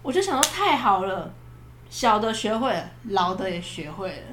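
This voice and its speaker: A woman's voice: mid-range voice, very animated, moderate pace, a bit bright, slight background noise. Chatty woman. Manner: rambling, restarts sentences often. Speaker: podcast co-host and mother. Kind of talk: casual chat, storytelling. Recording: roomy room echo.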